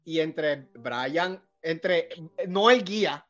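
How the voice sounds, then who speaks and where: A man's voice: a little high, animated, drawn-out words, fairly bright tone, highs cut off, faint music behind. A man co-hosting a podcast, breaking into a friend's story in casual chat to add his own side. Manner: interjects and takes over the telling. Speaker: podcast co-host.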